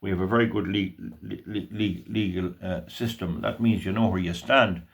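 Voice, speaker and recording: A man's voice: deep voice, fairly even intonation, moderate pace. A man giving casual, rambling commentary to his viewers, often stumbling over words and restarting, with folksy asides. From Ireland.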